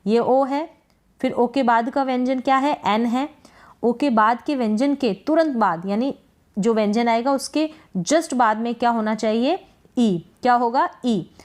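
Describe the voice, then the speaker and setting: A woman's voice: a little high, a little mellow. A woman teaching English pronunciation. She asks short questions and answers them herself, repeating each word. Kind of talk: pronunciation lesson.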